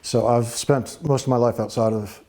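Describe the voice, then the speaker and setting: American guy guesting on a studio show, mellow tone, thoughtful, lots of ums. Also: mid-range voice, fairly even intonation. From United States. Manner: thoughtful, measured, with frequent fillers. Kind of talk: relaxed interview talk.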